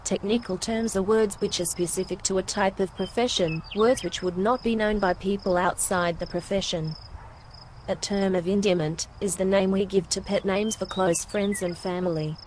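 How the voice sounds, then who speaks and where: A woman with an Australian accent reading an English vocabulary lesson in a clear, careful way. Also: mid-range voice, steady tone, moderate pace, a little mellow, slight background noise. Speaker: English teacher.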